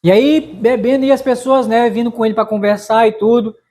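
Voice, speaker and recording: A man's voice: extremely high pitch, fairly even intonation, brisk, mellow. A male missionary preacher giving a conversational Bible study in a church, talking folksily to the congregation and often asking them to confirm his points. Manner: folksy, addresses listeners as brothers with frequent tag questions. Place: church sanctuary.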